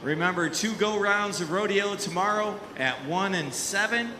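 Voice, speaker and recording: A man's voice: high voice, moderate pace. A man working as a tractor pull announcer, projecting his voice as he calls out event details in announcer style. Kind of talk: event announcing over PA, reading class rules and sponsor copy. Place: fairground grandstand event. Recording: echoey PA, clear engine and ambient noise.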